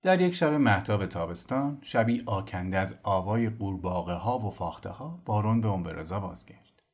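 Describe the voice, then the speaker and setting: A man narrating a novel as an audiobook in an expressive storytelling manner. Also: fairly low pitch. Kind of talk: scripted narration.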